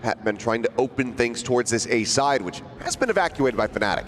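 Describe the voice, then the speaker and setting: A man working as an esports caster, giving dramatic, flowing, excited play-by-play commentary on a live match. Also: medium pitch, fairly quick, a little hiss or hum.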